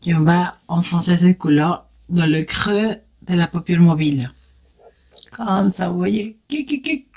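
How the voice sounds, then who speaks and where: Speaking straight to her viewers, a beauty vlogger chats through a casual makeup tutorial, breaking into enthusiastic exclamations as she works. Her voice sits fairly low and sounds a little mellow, and she takes her time. There's slight background noise.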